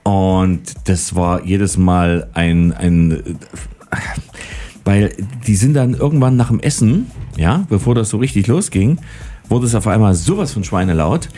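Husky, mellow-voiced man telling anecdotes. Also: lowish voice, measured pace. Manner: lively anecdotes, laughs often, sound effects. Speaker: podcast host. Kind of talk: casual chat.

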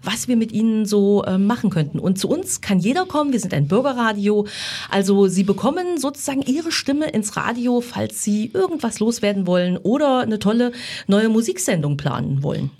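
Slightly husky woman on radio. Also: medium pitch, expressive, brisk, darkish tone. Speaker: community radio presenter. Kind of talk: casual radio chat.

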